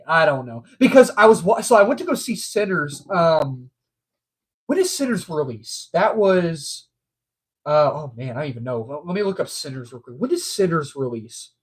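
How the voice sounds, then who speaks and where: A man with a fairly high, breathy voice hosts a casual movie news livestream while stuffed up from allergies. He rambles, repeats himself, and says "um" a lot.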